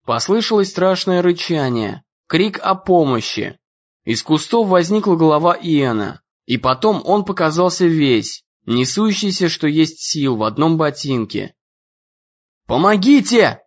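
A man narrating an audiobook in a lively, expressive storytelling voice. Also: fairly high pitch, unhurried. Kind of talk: audiobook reading. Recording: dull lo-fi recording.

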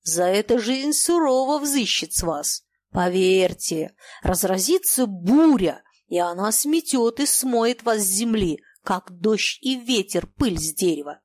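A man's voice: high voice, animated, measured pace, few pauses, no room sound. A woman reading an audiobook, voicing a bitter, defiant young male feuilletonist who declaims with passion. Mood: impassioned. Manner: impassioned declamation.

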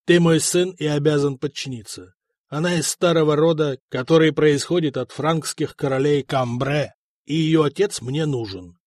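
A man's voice: on the high side, normal speed, a little mellow, no room sound, studio quality, close to an everyday voice. A man voicing an old grey-haired king who speaks in a blunt, commanding, scornful way. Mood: stern, commanding.

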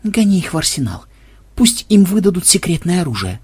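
A man's voice: sits high, very animated, brisk, darkish tone, husky, heavily acted. A man voicing a musing programmer hero. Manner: musing, commanding. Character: pensive programmer hero, young man, wry.

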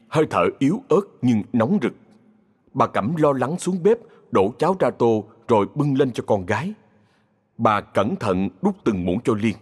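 A husky, fairly low male voice reads a ghost story in a measured, scripted way, with lively swings in pitch. A long reverb trails behind every phrase. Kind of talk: scripted narration.

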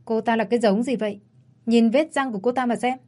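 A woman's voice: on the high side, steady tone, fast talker, darkish tone, lightly acted. A woman voicing a cold, arrogant young wealthy husband in an audio story, with curt, scornful lines. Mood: irritated.

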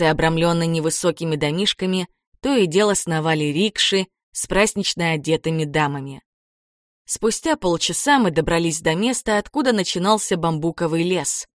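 Woman narrating an audiobook, low, dry. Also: no echo. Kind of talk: scripted narration.

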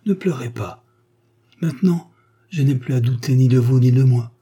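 A man reading the part of a grave, restrained gentleman of fifty who is quietly devoted to an old friend. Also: medium pitch, normal speed, breathy edge, close to an everyday voice. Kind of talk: audiobook reading of a short story.

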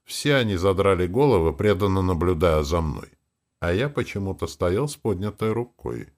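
Low-voiced expressive male audiobook narrator. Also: normal speed. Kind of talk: scripted first-person narration.

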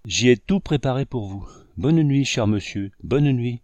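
A man voicing an eager girl of about sixteen, higher and louder than his narration. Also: lively intonation, unhurried, no room sound, close to an everyday voice.

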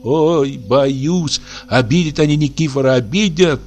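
A man's voice: medium pitch, measured pace, darkish tone, soft background music, voice pushed up, natural voice. A male reader voicing an anxious older peasant woman who coaxes and pleads in an audiobook. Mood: pleading. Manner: fretful, coaxing, pleading.

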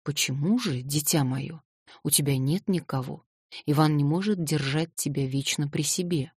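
A woman's voice: deep voice, normal speed, a little mellow, slightly rough, no echo, clean studio sound. A woman reading an audiobook voices a grieving, feverish old man who pleads sorrowfully. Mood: sorrowful pleading.

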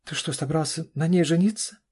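A man's voice: fairly high pitch, lively intonation, normal speed, mellow, breathy edge, voice pushed up. A man voicing a pushy, anxious young adult daughter in an audiobook, pleading and insistent. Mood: incredulous. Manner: pleading, insistent, keeps saying "dad". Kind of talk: audiobook character voice.

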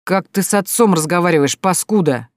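A reader voicing a rough, drunk, brutal man who threatens and snarls slowly and loudly in an audiobook. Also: mid-range voice, lively intonation, no room sound, studio quality, close to an everyday voice. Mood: menacing. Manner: coarse, menacing, slow and loud. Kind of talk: audiobook character voice.

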